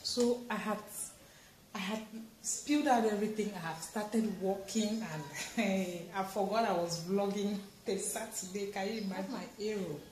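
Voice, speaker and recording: Her voice is mid-range and darkish, moving at a moderate pace, as this Cameroonian-accented woman in her thirties talks expressively to camera during housework. She's a home vlogger filming in a tiled kitchen indoors. The recording, from a camera or phone at least arm's length away, carries the tiled room's echo and clear noise.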